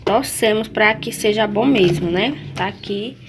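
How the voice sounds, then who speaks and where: A woman's voice: mid-range voice, a little slow. A young Brazilian woman vlogging casually and chattily to her viewers, talking through her errands and her cooking. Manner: chatty, addresses viewers as "minha gente". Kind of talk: casual vlog chat. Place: street then a small home kitchen. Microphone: handheld phone camera. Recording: phone recording with clear background noise.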